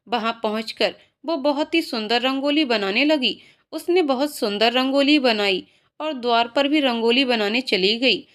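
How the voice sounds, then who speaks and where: Woman reading a village story aloud, high voice, steady. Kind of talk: scripted story narration.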